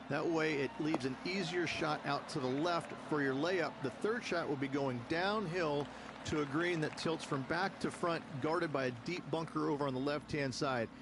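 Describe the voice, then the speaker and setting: Explanatory male golf analyst, slightly high voice. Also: background noise.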